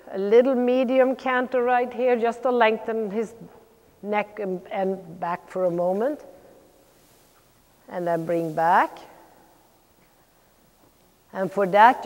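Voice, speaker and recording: A woman coaching a riding lesson, calling out brisk, projected commands mixed with encouragement and blunt corrections. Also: mid-range voice, a little mellow. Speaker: riding instructor, clinician. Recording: long echoing reverb of a large hall.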